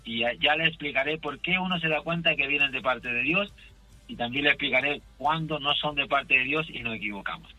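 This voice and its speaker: Older male pastor from Chile, radio interview guest, fairly high bright voice, devout and rambling. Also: brisk, dry recording, soft background music, low-quality recording. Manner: rambling, self-correcting, devout.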